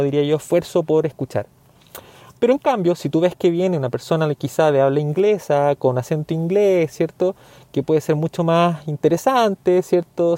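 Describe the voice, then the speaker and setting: A Chilean man speaks his mind in an earnest, indignant monologue, pausing often on hesitant fillers. His voice sits a little high but sounds mellow and relaxed. The recording is close and dry, with no room sound. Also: dry recording. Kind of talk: opinion monologue.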